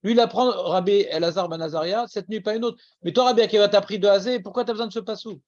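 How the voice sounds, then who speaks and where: A man with an Iranian accent teaching a Talmud lesson to a class, brisk and teasing, scolding students. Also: high-pitched, a little mellow, dry recording, dull audio.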